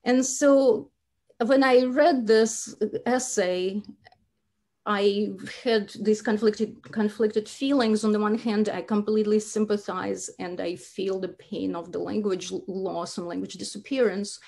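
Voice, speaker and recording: An earnest woman whose first language is Russian speaks haltingly, with many restarts. Her voice is medium-pitched, steady, creaky, and somewhat dark, as she gives an academic linguistics talk over slides.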